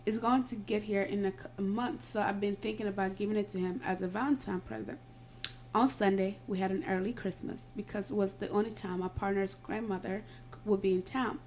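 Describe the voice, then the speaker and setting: Woman, podcast host; casual read-aloud, slight retainer slur, mid pitch. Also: steady tone, a little fast, a little mellow. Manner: slightly slurred speech from retainers. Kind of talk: casual podcast chat, reading a post aloud. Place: indoors, home recording. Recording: buzzing noise in background.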